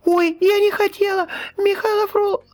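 A man's voice: little pitch movement, a little slow. A man reading an audiobook, voicing a timid, frightened young servant girl. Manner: squeaky, timid.

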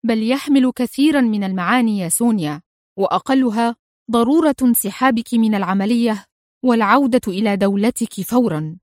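A woman voicing a calm, stern male crime boss in a read-aloud spy story. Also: a little high, brisk, no room sound, studio quality, lightly acted. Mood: stern grave. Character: grave, commanding older male crime boss.

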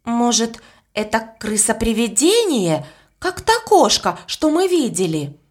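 A woman's voice: fairly high pitch, sing-song, unhurried. A woman voicing a timid, easily frightened young girl who talks hesitantly, reading an audiobook. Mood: blurting.

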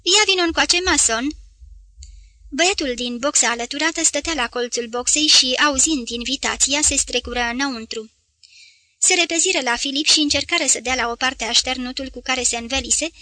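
A woman narrating a novel as an audiobook reader, in an even, measured reading. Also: sits high. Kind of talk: scripted literary narration.

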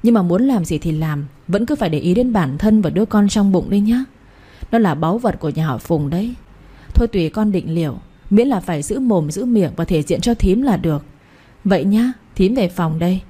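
A woman's voice: medium pitch, animated, brisk, mellow, husky. Woman doing a sly scheming old aunt. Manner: wheedling, sly.

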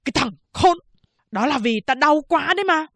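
A woman's voice: sits high, lively intonation, normal speed, vocal fry, no echo, pitched above the performer's own voice, heavily acted. A woman doing a fiery condemned prisoner. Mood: defiant, indignant. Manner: loud, commanding, indignant. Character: defiant condemned male prisoner, proud and fiery.

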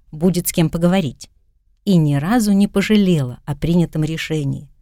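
A woman calmly narrating a novel as an audiobook reader. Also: on the low side, dry recording, clean studio sound. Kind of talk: scripted narration.

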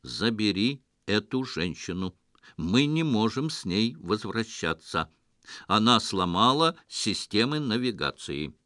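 A man reading an audiobook, voicing a flying saucer with an even, metallic, robot-like voice in a flat, slow delivery. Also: fairly low pitch, no room sound, clean studio sound, voice pushed down, full character voice. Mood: pleading.

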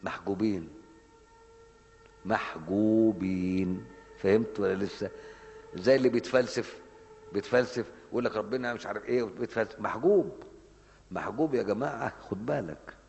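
A man preaching a Ramadan mosque lesson in an Egyptian Arabic accent, animated and scolding, asking rhetorical questions and answering them himself. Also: fairly low pitch, normal speed, gravelly, long pauses, big-room sound, slight background noise.

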